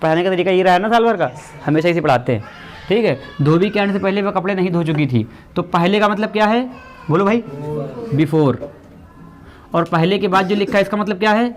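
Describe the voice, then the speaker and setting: A man's voice: sits high, a little fast, soft background music. A male teacher giving a classroom grammar lesson, explaining step by step and quizzing the class.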